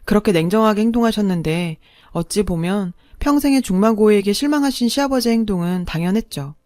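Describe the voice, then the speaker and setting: A woman's voice: medium pitch, expressive, a little fast, darkish tone, no room sound, studio quality. Woman narrating a sad story. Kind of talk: scripted first-person story narration.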